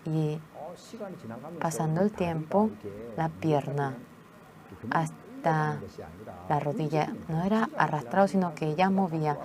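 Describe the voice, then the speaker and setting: A woman telling her own life story as a personal testimony, in an earnest, measured way. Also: low voice, crowd noise. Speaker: testimony speaker.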